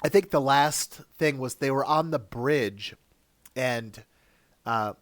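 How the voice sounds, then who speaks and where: A man co-hosting a casual chat, retelling stories in an animated way. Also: mid-range voice, takes it slowly, no echo. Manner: animated storytelling. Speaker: co-host.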